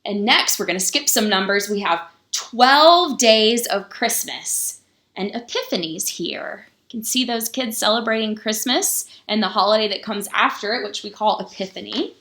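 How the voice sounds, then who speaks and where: In a roomy, echoing space, a woman pastor reads a children's book aloud at story time. She pauses now and then to explain things simply for her young listeners, speaking at a medium pitch with a fairly bright tone.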